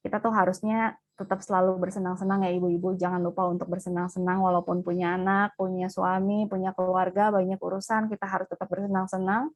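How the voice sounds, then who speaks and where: Lively woman giving a parenting webinar. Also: fairly low pitch, no room sound. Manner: lively, acts out quoted voices, mixes in English phrases. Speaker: webinar speaker on play therapy. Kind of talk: webinar presentation to mothers.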